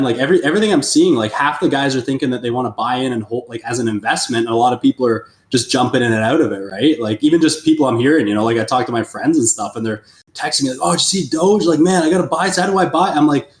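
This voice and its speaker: A man talks quickly and loosely, stacking up fillers as he chats on a finance podcast. His voice carries a roomy echo, as if he is sitting in an open room. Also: mid-range voice. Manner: loose, filler-heavy talk. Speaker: podcast co-host. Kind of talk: casual chat.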